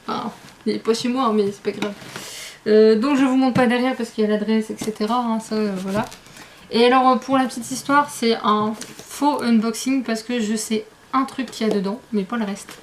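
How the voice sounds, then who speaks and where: A woman's voice: medium pitch, a little mellow. A woman chatting casually in a book vlog, rambling and gushing as she unboxes items. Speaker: book vlogger.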